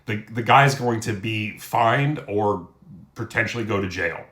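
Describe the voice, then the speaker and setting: A man's voice: on the low side, unhurried, a bit bright, reverberant. A man hosting a reaction commentary, scolding and indignant as he rebuts a clip. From United States. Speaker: commentary host.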